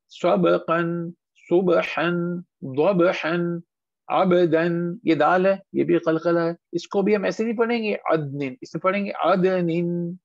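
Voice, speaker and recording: Man teaching recitation over a call, dry and close, drawn-out model words. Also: sits high, gravelly, dry recording. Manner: patient, asks students questions, drawn-out model words. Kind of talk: online tajweed class. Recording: dull lo-fi online call audio.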